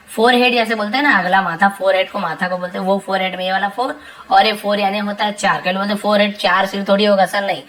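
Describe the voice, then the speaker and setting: Patient woman teacher, lowish voice. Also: low-quality recording. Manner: patient, repetitive, dropping to a soft trail at the end of each explanation. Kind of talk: vocabulary lesson.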